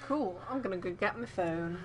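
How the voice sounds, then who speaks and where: A woman's voice: medium pitch, animated, normal speed, faint music behind. Teasing young woman, sarcastic. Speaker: streamer's daughter, off to the side. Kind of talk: casual chat.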